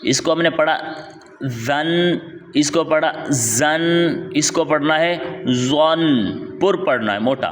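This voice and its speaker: A man teaching Quran letter reading, drawing out each syllable in a slow chant, then explaining quickly and repeating sounds patiently. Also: a little high, in a large hall, slight background noise. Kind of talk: step-by-step recitation lesson.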